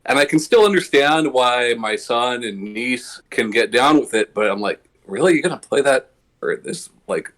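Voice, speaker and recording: A man's voice: medium pitch, animated, moderate pace, a bit bright. A man in his late thirties, a podcast host, chatting casually in a laid-back, rambling way. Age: late 30s. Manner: laid-back, rambling with frequent "you know". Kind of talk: casual chat.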